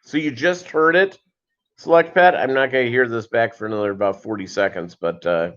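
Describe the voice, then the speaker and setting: Speaking at medium pitch with a brisk, slightly bright delivery, this man runs a laid-back livestream for his fishkeeping channel. The audio is lo-fi as he chats loosely, reading out viewer comments and responding.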